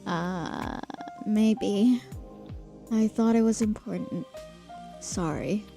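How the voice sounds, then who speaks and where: A young woman streamer reading a visual novel aloud in a soft, hesitant, apologetic way. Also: fairly high pitch, slow, soft background music. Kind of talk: reading game dialogue and first-person narration aloud.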